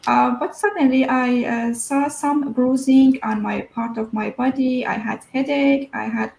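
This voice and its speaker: A woman's voice: high-pitched, fairly even intonation, unhurried, creaky, a little mellow, echoey room, a little hiss or hum, rough recording. A woman in her thirties from Iran, a guest telling her story over a video call, hesitant with many fillers. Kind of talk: online interview.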